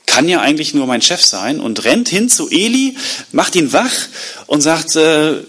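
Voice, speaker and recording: A man preaching a sermon, retelling a Bible story in a lively, colloquial way and acting out the quotes. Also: a little high, measured pace, slightly rough. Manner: colloquial asides. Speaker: pastor.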